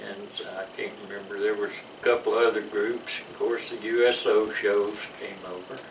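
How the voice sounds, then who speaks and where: A man's voice: lowish voice, steady tone, moderate pace. Older man reminiscing, roomy. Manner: rambling, chuckling storyteller with restarts. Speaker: veteran interviewee. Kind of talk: reminiscing interview. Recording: roomy distant mic with background noise.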